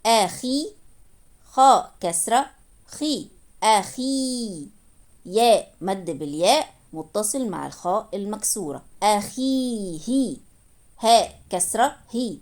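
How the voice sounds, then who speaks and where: A woman's voice: mid-range voice, very animated, darkish tone. A woman teaching a reading lesson, sounding out each word syllable by syllable and naming the vowel marks. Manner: sounds out syllables slowly, then names each vowel mark. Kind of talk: slow syllable-by-syllable spelling lesson.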